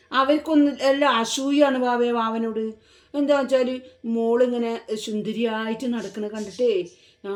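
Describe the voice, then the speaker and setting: A woman vlogger talking to her pet in coaxing, doting, sing-song baby talk. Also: high voice.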